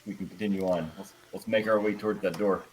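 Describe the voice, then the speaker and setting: Low-voiced man asking questions at the table. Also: fairly even intonation, fast, slight background noise, poor audio. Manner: casual, asking many questions. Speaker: player. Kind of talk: playing a tabletop game.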